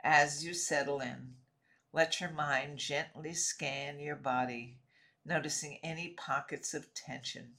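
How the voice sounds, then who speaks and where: A man narrating a scripted sleep relaxation in a soothing, measured, lulling way, with short phrases and pauses. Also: on the high side, steady tone, creaky, bright, forceful tone.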